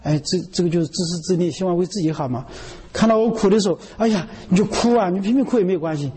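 A man's voice: sits high, fast, mellow, in a large hall, slight background noise. A man giving an earnest Buddhist sermon, often checking that listeners follow him. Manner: earnest, keeps asking "you know?". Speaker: Buddhist teacher.

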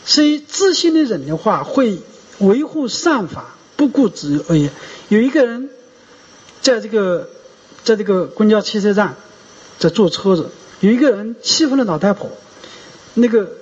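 A man's voice: high voice, moderate pace, husky. A man, a Buddhist monk, giving a sermon, telling stories and asking rhetorical questions. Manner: storytelling, animated, rhetorical questions. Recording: dull lo-fi recording.

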